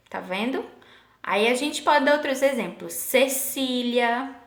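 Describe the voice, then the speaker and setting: A rather high-voiced woman teacher speaks patiently to her class, asking questions and stretching out example words one by one. The sound is roomy and echoing. It fits a recorded online lesson. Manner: patient, asks the class questions, slows to spell out sample words. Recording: echoey room.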